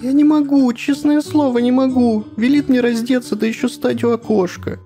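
A man's voice: extremely high pitch, little pitch movement, moderate pace, warm tone, faint music behind, pitched above the performer's own voice. A man voicing a hysterical young German woman, an artist's wife, who sobs and pleads. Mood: tearful pleading. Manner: sobbing, pleading.

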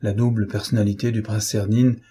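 A man narrating a classic novel as an audiobook, reading in a measured, even way. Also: lowish voice, breathy edge. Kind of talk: scripted narration.

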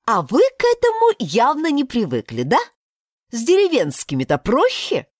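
A woman voicing a proud, sharp-tongued young woman judge who speaks haughtily and indignantly. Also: fairly high pitch, wildly swooping pitch, normal speed, no echo, clean studio sound, pitched above the performer's own voice.

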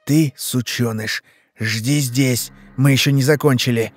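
A man's voice: a little high, expressive, unhurried, a little mellow, no echo, pitched above the performer's own voice. A man voicing a furious, foul-mouthed male forest monster that snarls curses and threats. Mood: menacing.

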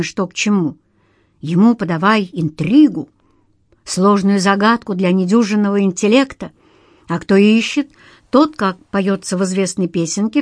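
A woman's voice: medium pitch, no echo. Woman narrating an audiobook, dry and close.

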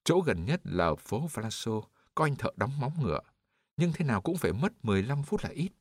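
A man's voice: mid-range voice, big pitch swings, brisk, slightly rough, no echo, studio quality. A man doing a plain village peasant. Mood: matter-of-fact.

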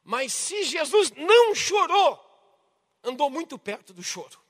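A man with a Brazilian Portuguese accent preaching a sermon to his congregation, swinging dramatically between loud, emphatic passages and hushed ones. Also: very high-pitched, very animated, a little slow. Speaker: pastor. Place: church hall. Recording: long reverb of a church hall.

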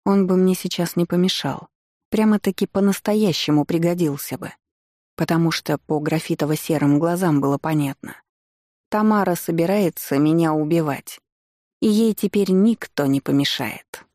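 Low mellow woman narrating an audiobook. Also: normal speed, dry recording, clean studio sound. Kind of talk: first-person audiobook narration.

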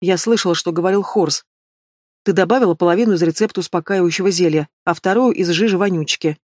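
A woman voicing a sharp-tongued young female student who answers with cool, mocking retorts. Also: lowish voice, fast talker, dry recording, clean studio sound, close to an everyday voice. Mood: exasperated.

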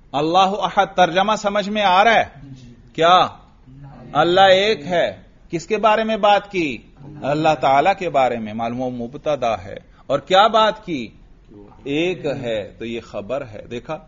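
A male teacher leads a grammar lesson, firing short questions at his class and drilling them to repeat the answers. His voice sits a little high. The lecture recording is dull and lo-fi. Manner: quizzes students and has them repeat.

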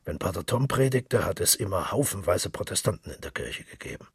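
A man's voice: deep voice, expressive, brisk, creaky, husky, no echo, studio quality, full character voice. A man voicing a genial, persuasive middle-aged friend with a coaxing manner.

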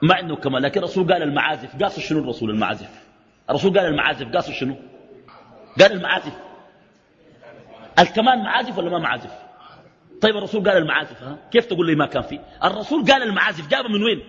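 A middle-aged man with a Sudanese accent gives a religious lecture in a brisk, lively voice that swings widely in pitch. He keeps testing his listeners with rhetorical questions. The sound is muffled and lo-fi, with a long hall reverb behind him. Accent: Sudanese Arabic. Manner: animated, fires rhetorical questions at the audience. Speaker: sheikh giving a religious lecture.

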